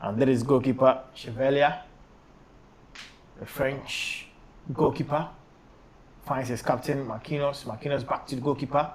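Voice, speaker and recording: A man's voice: medium pitch, steady tone, measured pace, long pauses. A man doing live football commentary, calling the play and often laughing.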